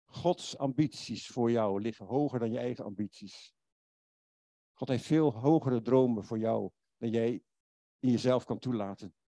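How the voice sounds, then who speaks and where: A man delivers an earnest, pleading sermon. His voice is dark and mellow, and it sounds dry and close. He slows down and turns quiet whenever he quotes God. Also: mid-range voice, no room sound. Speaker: preacher.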